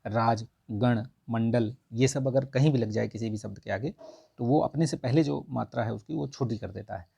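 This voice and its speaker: A man explaining test answers in a relaxed, chatty lesson, often pausing to check his listeners are following. His voice is gravelly and husky, with a mellow, dark tone. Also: mid-range voice. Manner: conversational, repeats "ठीक है" often. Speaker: exam prep tutor.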